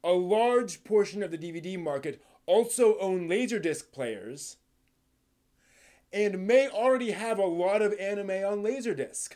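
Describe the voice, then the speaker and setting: A high-pitched man with a darkish tone and lively intonation speaks a little slowly on his casual anime live stream. He rambles informally and occasionally delivers theatrical readings.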